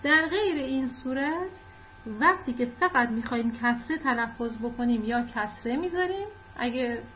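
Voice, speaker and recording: High-voiced woman explaining a lesson. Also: lively intonation, highs cut off, slight background noise. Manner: conversational, explains with examples and asides. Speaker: literature teacher.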